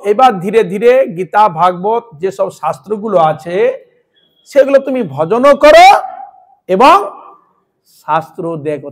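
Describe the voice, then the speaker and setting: A man with a very high-pitched voice and a Bengali accent preaches a devotional sermon. He tells the story emphatically and keeps turning to his listeners with rhetorical questions.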